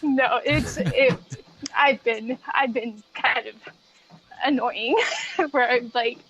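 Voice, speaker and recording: A woman chatting casually as a podcast guest, in halting phrases with a giggly manner, on slightly lo-fi audio. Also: fairly high pitch, a bit bright, breathy edge. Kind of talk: casual chat.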